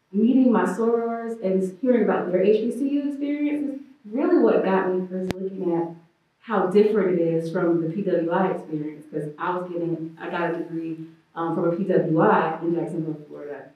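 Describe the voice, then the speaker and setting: Earnest woman on a phone-like line. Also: mid-range voice. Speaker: student panelist. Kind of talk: panel answer. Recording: phone-like, distant and echoey.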